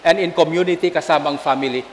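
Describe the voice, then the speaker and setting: Filipino man, bishop's sermon, high voice, long church echo, faint hiss. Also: fast. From Philippines. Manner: animated storytelling, asks the congregation "Amen?". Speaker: bishop preaching a homily. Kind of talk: sermon mixing Tagalog and English. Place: large church.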